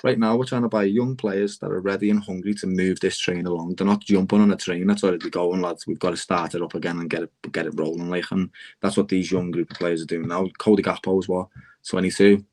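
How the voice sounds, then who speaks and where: A man's voice: sits low, fast talker. A young man with a Liverpool accent, passionately arguing in a casual football debate and calling everyone "lad". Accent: Liverpool (Scouse). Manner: passionate, repeatedly says "lad", animated. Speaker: Liverpool fan panelist on football podcast.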